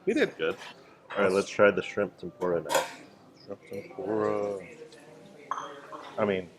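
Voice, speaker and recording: A man's voice: on the low side, unhurried. A man hosting a casual travel vlog, joking and laughing often as he chats. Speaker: vlog host. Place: cruise ship cooking class and bar. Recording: busy crowd chatter behind.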